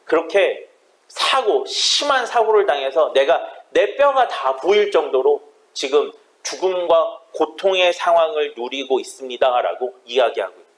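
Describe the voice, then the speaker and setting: A man's voice: on the high side, lively intonation, moderate pace, rough recording. A man preaching a sermon as pastor, impassioned and building to fervent pleading.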